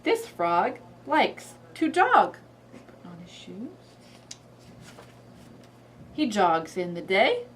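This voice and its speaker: A woman reading picture books aloud as if to a toddler, in an expressive, sing-song storybook way with drawn-out, emphasized words. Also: medium pitch, distant mic, a little hiss or hum. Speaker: children's librarian demonstrating read-aloud books.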